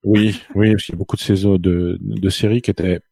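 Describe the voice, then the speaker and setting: Mellow-voiced male show host. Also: low voice, little pitch movement, a little fast, vocal fry, husky, no echo. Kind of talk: casual radio show chat.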